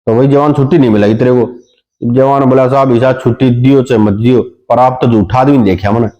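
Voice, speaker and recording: A man's voice: medium pitch, fairly even intonation, fairly quick, mellow, muffled recording. Haryanvi man telling village jokes. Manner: dialect storytelling with sing-song quoted voices. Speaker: comedian.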